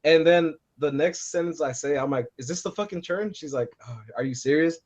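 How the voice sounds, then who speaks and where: A man's voice: on the high side, fairly quick, darkish tone. Cussing, laughing storyteller man on lo-fi audio. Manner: swears a lot, laughs at his own story, acts out dialogue. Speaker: podcast co-host. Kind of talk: casual storytelling chat. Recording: dull lo-fi podcast audio.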